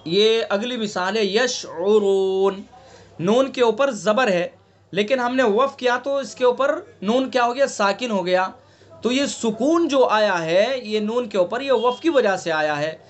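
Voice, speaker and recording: High-voiced man teaching recitation online. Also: expressive. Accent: Delhi Urdu. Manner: explains patiently, asks students questions, demonstrates drawn-out recitation. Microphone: online class call.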